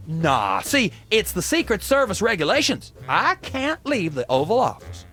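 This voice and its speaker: A dim cartoon game president in a very high voice that swings widely. He rambles in a folksy, oblivious way, with music behind him. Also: huge pitch swings, unhurried, a bit bright, exaggerated voice. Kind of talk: comic cartoon game acting.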